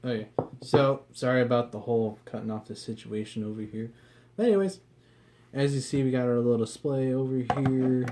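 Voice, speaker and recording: A man's voice: mid-range voice, fairly even intonation, brisk. Male gadget reviewer, loose and rambling, mid-range voice, light background hiss. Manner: loose and rambling, swears casually. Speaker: product reviewer. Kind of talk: casual product review.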